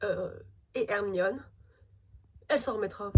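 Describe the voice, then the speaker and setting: A woman voicing a dry, teasing gothic teenage girl who speaks in a flat, ironic way, in an amateur fan voice drama. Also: mid-range voice, a little slow, husky. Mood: deadpan.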